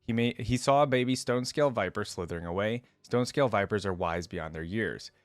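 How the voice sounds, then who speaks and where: On a game lore reaction video, the host reads a story aloud and chimes in with informal, slangy commentary. His voice is on the low side and a little fast, with no echo.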